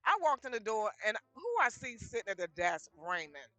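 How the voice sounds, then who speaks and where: A middle-aged woman from the DC tells her life story in a loose, chatty way, with a bright edge to her voice. She talks, and the dry, close sound has faint music behind it. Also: mid-range voice, a little fast, dry recording. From Washington DC area. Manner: lively, chatty retelling of conversations with frequent laughs. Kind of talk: casual storytelling.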